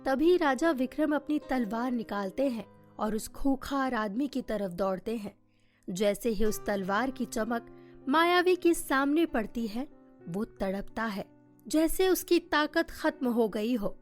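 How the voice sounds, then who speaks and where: Slow, high-voiced woman narrating a story. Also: lively intonation, faint music behind. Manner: measured storytelling. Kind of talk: scripted cartoon story narration.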